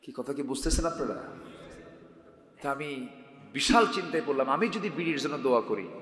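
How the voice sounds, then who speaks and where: A male preacher giving a humorous, rhetorical sermon to a gathering and calling on the crowd to answer louder. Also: mid-range voice, animated, brisk. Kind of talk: Islamic sermon to a live gathering. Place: religious gathering over a sound system. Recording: echoey hall with long reverb.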